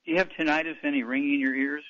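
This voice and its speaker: A man's voice: fairly high pitch, fairly even intonation, racing, highs cut off. A man hosting a call-in radio advice show, blunt and dismissive, often interrupting callers. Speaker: radio talk show host.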